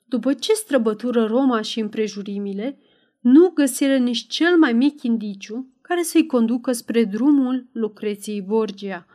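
A woman reading an adventure novel aloud in measured audiobook narration. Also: on the high side, warm tone. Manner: measured storytelling, raises voice for dialogue.

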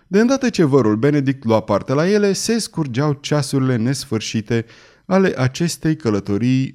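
A man narrating an adventure novel audiobook in a measured, expressive reading. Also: medium pitch. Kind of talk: scripted narration.

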